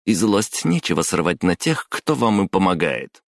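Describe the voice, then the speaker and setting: A man's voice: low-pitched, big pitch swings, normal speed, dry recording, studio quality, pitched above the performer's own voice, full character voice. A man reading a story, voicing a defiant young female office worker who talks sharply and venomously with a raised voice. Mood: furious.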